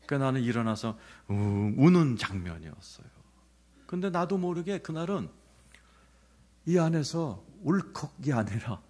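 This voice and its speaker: A middle-aged pastor delivers a sermon woven with his own testimony, his husky voice swinging widely up and down. He acts out scenes and voices the people in his story as he goes. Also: medium pitch, big pitch swings, normal speed, a little mellow.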